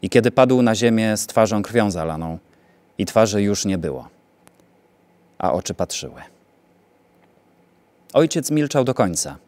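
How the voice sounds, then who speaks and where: A theatre actor reciting a poem with a grave, deliberate delivery. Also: male voice, lowish voice, big pitch swings, darkish tone, dry recording. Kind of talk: dramatic poetry recitation.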